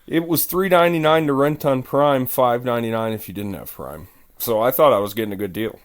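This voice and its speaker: A man's voice: medium pitch, fairly quick. A man co-hosting a podcast, dry and teasing in casual chat. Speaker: podcast co-host.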